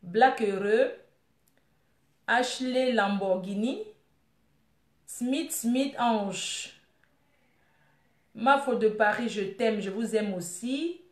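A woman's voice: fairly high pitch, very slow, pauses often, roomy sound. A woman live streaming, reading out viewer comments and scolding her viewers in a rambling, teasing way. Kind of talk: casual live stream chat.

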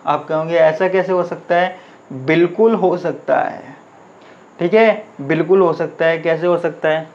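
Male chemistry tutor, somewhat high voice, drills terms by call and answer, dull lo-fi sound. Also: a little mellow. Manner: asks the class questions and answers them himself, repeating key terms. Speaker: chemistry teacher. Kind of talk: classroom lecture.

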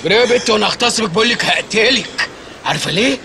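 A man's voice: sits high, lively intonation, rapid-fire, creaky, heavy background noise. A man with an Egyptian accent acting in a comedy sketch, with sarcastic, mock-tough talk. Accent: Egyptian Arabic.

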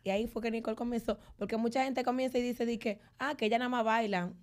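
A woman's voice: fairly high pitch, steady tone, fast talker. A young woman co-hosting a casual podcast, telling her story in a playful, teasing, dramatic way. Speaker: podcast co-host. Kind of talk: casual chat.

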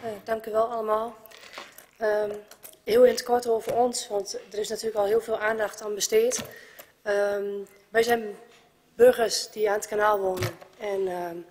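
A woman's voice: medium pitch, little pitch movement, normal speed, a little mellow, slight background noise. A woman in her twenties, a resident giving a composed, earnest prepared statement at a council debate. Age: 20s. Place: council chamber. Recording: reverberant council chamber.

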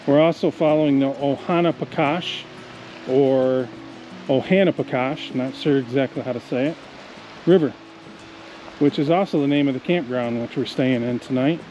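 A man's voice: medium pitch, normal speed, darkish tone, lo-fi sound, faint music behind. A man in his forties narrating casually while hiking a forest trail, musing aloud about the trees, recorded on an action camera outdoors. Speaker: hiking vlogger. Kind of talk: casual commentary on a hike. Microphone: action camera held or worn.

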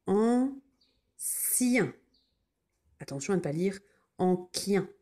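A woman's voice: mid-range voice, a little slow, warm tone, a little hiss or hum. A woman teaching children to spell, patiently sounding out words and naming their letters one by one.

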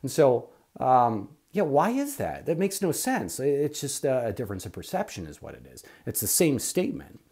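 Animated, husky-voiced man preaching. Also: mid-range voice, normal speed, hardly any pauses. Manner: animated, preachy, rambling with asides. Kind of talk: opinion monologue on faith.

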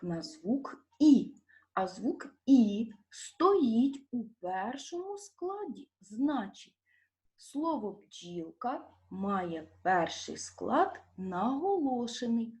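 A woman teaching a primary school lesson with a Ukrainian accent, asking young children questions and stretching out stressed syllables slowly and clearly. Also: a little high, warm tone.

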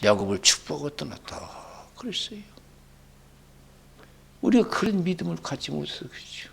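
Guy pastor preaching, raspy gravelly voice, swings way up and down, loud bursts. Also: on the high side, big pitch swings, moderate pace, in a whisper. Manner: preaching with sudden loud rising bursts and quoted dialogue. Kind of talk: sermon.

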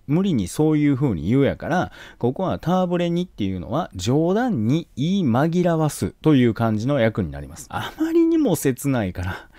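Animated, joking man with a Kansai accent. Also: mid-range voice, dry recording, studio quality. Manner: joking, animated, acts out scenes. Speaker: teacher. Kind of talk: exam-prep lesson on classical literature.

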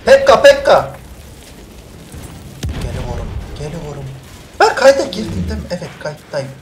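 Lively streamer narrating play, big shouty swings, faint music behind. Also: mid-range voice, fairly quick. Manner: excitable, shouting bursts between muttered asides; jokey, throws in mock-Italian phrases. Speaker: gameplay streamer. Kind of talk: live gameplay commentary.

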